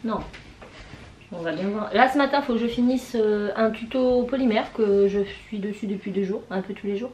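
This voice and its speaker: A woman in her thirties chatting casually in a vlog, hoarse from tonsillitis with her voice mostly gone, hesitant and rambling. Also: medium pitch, moderate pace, darkish tone. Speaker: vlogger. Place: indoors, bedroom. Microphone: camera on a tripod. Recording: echoey room.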